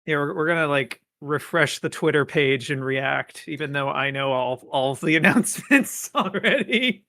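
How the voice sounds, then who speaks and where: Podcast host, male, higher bright voice with a dry close sound, rambling and chatty on a call. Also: normal speed, no echo. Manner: rambling, laughing between thoughts. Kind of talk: casual chat on a live video call. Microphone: computer mic on a call.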